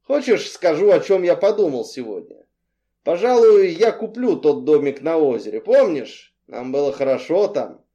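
A male audiobook reader voicing a smug male crime boss who taunts in a drawn-out, mock-tender way. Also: fairly high pitch, animated, mellow, dull audio. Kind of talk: audiobook character reading.

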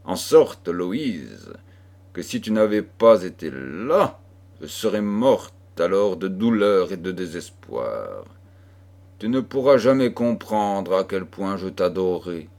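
In a storybook reading, a man uses his own low voice to play a grieving mother burdened by a dark secret. She speaks gravely and sorrowfully, slow and heavy, in a very animated, exaggerated voice.

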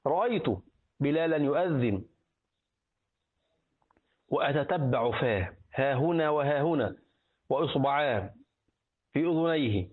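A man's voice: medium pitch, husky. A middle-aged man with an Egyptian accent, giving a religious lesson as a sheikh, who repeats words aloud and quizzes his listeners. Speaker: sheikh teaching hadith and jurisprudence. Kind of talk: religious lesson, colloquial explanation. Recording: tinny phone-like recording.

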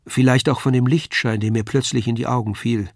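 Measured older male audiobook narrator. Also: medium pitch, vocal fry, no room sound, clean studio sound. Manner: measured, even storytelling. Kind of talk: scripted literary reading.

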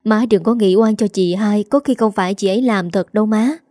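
A woman's voice: medium pitch, brisk, dark tone, no room sound, studio quality, close to an everyday voice. A woman reading a story, voicing a scheming young second wife who talks in a sweet, ingratiating way. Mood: fawning.

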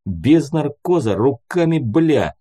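A man's voice: mid-range voice, big pitch swings, takes it slowly, dark tone, pitched above the performer's own voice. A man voicing crude male soldiers who grumble and swear in an audiobook. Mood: grumbling. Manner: coarse, swearing.

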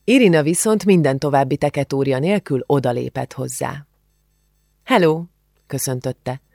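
A man calmly narrating an audiobook in a steady reading voice. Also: mid-range voice, gravelly, no room sound, studio quality.

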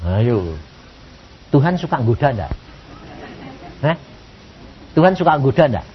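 A man preaching a sermon, telling stories lively and acting out his talks with God. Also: mid-range voice, takes it slowly, a little hiss or hum. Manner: lively storytelling, acting out dialogues with God, mixing in Javanese. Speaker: pastor. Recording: dull lo-fi sermon recording.

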